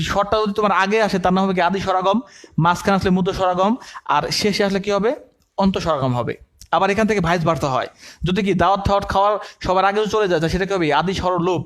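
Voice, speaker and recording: A man teaching an admission coaching lecture, dictating notes and asking the class questions he answers himself. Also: high voice. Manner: asks the class questions and answers them himself, repeats key terms; uses everyday comparisons to explain.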